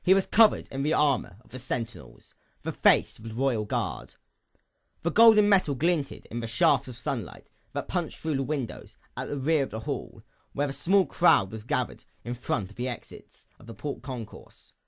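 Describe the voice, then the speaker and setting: A male narrator reads fiction aloud with deliberate, dramatic delivery. His voice is mid-pitched but ranges very lively.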